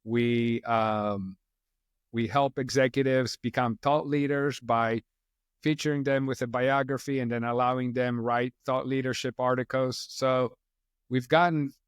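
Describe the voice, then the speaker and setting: A middle-aged man from Poland talks in a loose, wandering way, dropping plenty of fillers as a podcast guest. His voice is smooth and resonant. The sound is dry and close. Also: mid-range voice, a little slow, no room sound. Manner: relaxed, rambling, frequent "you know" fillers. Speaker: podcast guest, company co-founder. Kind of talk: casual interview chat.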